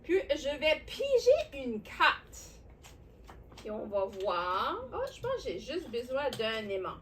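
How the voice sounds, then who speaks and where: A woman with a Québécois accent, hosting a children's lesson on letters and sounds, talking warmly and encouragingly straight to the young viewer. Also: sits high, slow, far from the mic, a little hiss or hum. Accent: Québécois French. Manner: animated, encouraging, speaks directly to the child viewer. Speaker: children's educational host.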